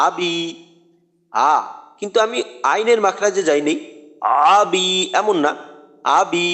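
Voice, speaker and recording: A man teaching Quran recitation in an online lesson, patiently repeating sounds slowly for his students. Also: high-pitched, a bit bright, in a large hall.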